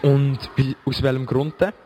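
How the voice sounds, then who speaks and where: A man's voice: medium pitch, flat delivery, moderate pace, dark tone, slight background noise. A man interviewing children in a casual way, asking short, repeated questions. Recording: long hall reverb.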